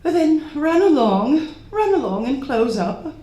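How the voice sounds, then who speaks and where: On a live theatre stage, a woman performs in a radio drama as a domineering, indignant society hostess who fancies herself a medium. Her high, sing-song voice is mellow and exaggerated, delivering haughty, imperious scolding in drawn-out theatrical lines. The live recording is roomy and echoing.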